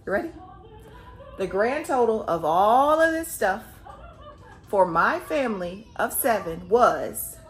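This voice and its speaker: A chatty woman in her thirties talks to her viewers in a casual home vlog. She speaks into a phone held close in her kitchen, animated and direct. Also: medium pitch, takes it slowly, pauses often, faint music behind. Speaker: family vlogger. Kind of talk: casual grocery haul vlog. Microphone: phone camera held close.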